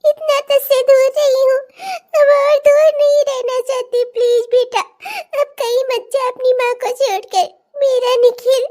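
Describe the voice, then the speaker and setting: A woman's voice: very high-pitched, little pitch movement, a little slow, few pauses, warm tone. A woman voicing a remorseful mother in a cartoon, speaking through tears. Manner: tearful, remorseful. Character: remorseful older mother, tearful. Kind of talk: cartoon voice acting.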